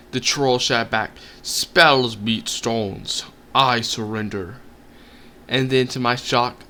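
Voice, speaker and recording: Bright-voiced man reading game text. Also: medium pitch, slight background noise. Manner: narrates in a storybook cadence, puts on voices for quotes. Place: home streaming setup.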